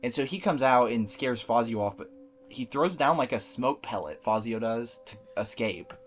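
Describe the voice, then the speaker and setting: A man's voice: mid-range voice, expressive, normal speed, soft background music. A man co-hosting a podcast, casually recapping a movie plot with lots of fillers and restarts. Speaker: podcast co-host.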